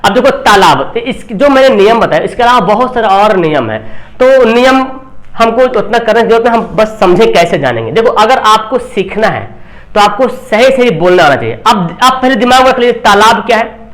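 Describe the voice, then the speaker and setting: A man teaching a grammar class online, who explains slowly, repeats example sentences and keeps checking with the students. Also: high-pitched, expressive, fairly bright tone.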